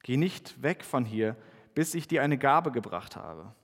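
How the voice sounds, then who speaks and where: Heard first through the long ring of a church hall: a man voicing an anxious young farmer-warrior, pleading and full of doubt. His voice sits in a middle pitch, a touch higher and louder than his narration. The sound carries a lingering reverb. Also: big pitch swings, unhurried.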